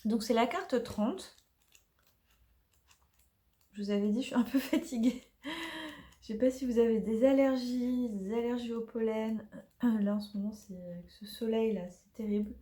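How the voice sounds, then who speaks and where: A woman casually presenting her oracle deck, chatty and hesitant with many fillers, slightly hoarse from allergies. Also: fairly high pitch, normal speed, pauses often, mellow. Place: dim room in the evening.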